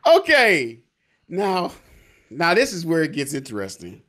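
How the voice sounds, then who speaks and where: A man co-hosting a sports talk show, telling stories in a laughing, animated way. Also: on the high side, a little slow. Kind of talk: casual sports chat.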